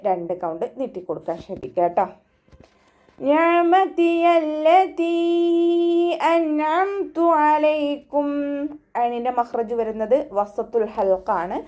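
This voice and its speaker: Malayali lady teaching tajweed, calm explaining then slow chanted verses, mid voice. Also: medium pitch, highs cut off. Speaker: Quran recitation teacher. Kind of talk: tajweed lesson with chanted recitation.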